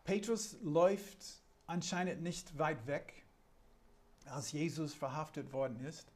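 Slow, deliberate preacher, man with an accent. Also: a little high, darkish tone. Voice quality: light foreign accent. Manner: slow and deliberate, dramatic when reading scripture. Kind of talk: sermon.

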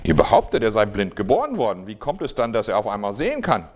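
A man's voice: on the low side, huge pitch swings, fast talker. A man reading the questioning, hostile lines of religious leaders. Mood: accusing. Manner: accusing, interrogating.

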